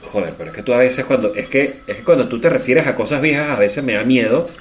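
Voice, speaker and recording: A man's voice: mid-range voice, expressive, quick pace. A middle-aged man with a Venezuelan accent, co-hosting a podcast in casual, playful banter. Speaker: podcast co-host. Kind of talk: casual chat.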